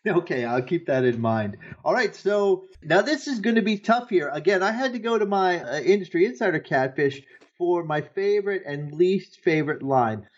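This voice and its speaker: A man's voice: sits high, expressive, moderate pace. Dry mock-serious man, dull recording. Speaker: podcast co-host. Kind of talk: comedic podcast banter.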